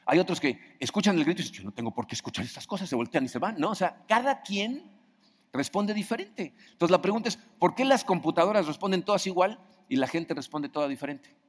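A man's voice: high voice, lively intonation, a little fast. A man preaching a sermon in a conversational way, often asking his audience questions. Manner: conversational, asks the audience questions, acts out quoted voices. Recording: long hall reverb.

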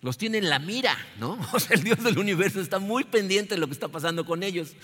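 A man preaching a sermon, lively and conversational, often checking in with his listeners. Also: high voice, fairly quick. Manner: animated, asks "¿no?" after most sentences. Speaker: pastor. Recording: long hall reverb.

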